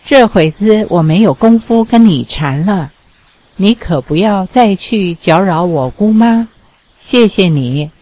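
A shy, guarded young woman who speaks in a bashful, slightly lifted tone, as a woman reading an audiobook voices her. Delivery stays slow and measured. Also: medium pitch, expressive, warm tone. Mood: flustered.

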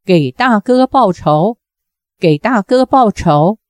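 A woman's voice: medium pitch, lively intonation, takes it slowly, a little mellow, no room sound, studio quality. A woman voicing an old male monk, a former fighter, who mutters in confusion over revenge. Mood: troubled. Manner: muttering, troubled.

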